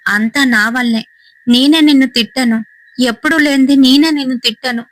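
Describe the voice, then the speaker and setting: A woman's voice: high voice, moderate pace, no room sound, close to an everyday voice, low-quality recording. A woman voicing a grieving mother who blames herself, speaking through sobs. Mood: grief-stricken. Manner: sobbing, self-reproaching.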